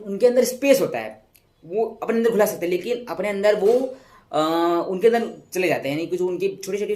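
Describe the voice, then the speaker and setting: A man's voice: fairly high pitch, a little mellow. A young man explaining science in a casual, chatty way, repeating words, correcting himself and making little sound effects. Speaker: teacher.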